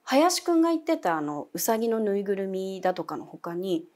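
A woman's voice: medium pitch, very animated, brisk, a little mellow. A young adult woman telling a ghost story as a guest, dramatic, dropping to whispers and acting out voices.

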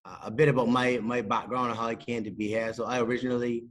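A man, talking as a podcast guest on a video call in a small room, measured and modest, with many fillers. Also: mid-range voice, flat delivery, fairly bright tone. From Barbados. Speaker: sports psychologist and cricket coach, podcast guest. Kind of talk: casual interview talk. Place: indoors, small room with a plain wall.

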